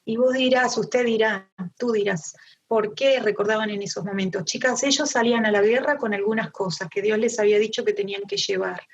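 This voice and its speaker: Speaking at a medium pitch with a steady tone and a fairly quick pace, a middle-aged Argentine woman leads a women's group in a devotional Bible lesson. She keeps it conversational and engaged, talking directly to the group and asking rhetorical questions. The online meeting audio sounds dull and lo-fi, as is typical of a group call.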